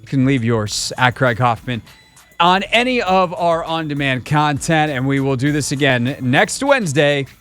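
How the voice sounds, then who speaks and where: Sarcastic sports radio host. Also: male voice, fairly high pitch, animated, moderate pace, fairly bright tone, faint music behind. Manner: sarcastic, mocking. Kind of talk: casual sports radio chat.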